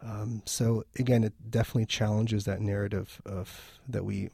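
A man's voice: on the low side, level tone, normal speed, creaky, mellow, husky, no room sound, clean studio sound. A man from Lebanon, a film festival organizer, talking thoughtfully in a radio interview with frequent restarts.

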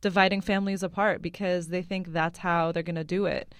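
A woman from Lebanon hosting a casual podcast discussion, talking in animated runs full of "like" and "you know". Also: fairly low pitch, fairly quick, no echo, clean studio sound.

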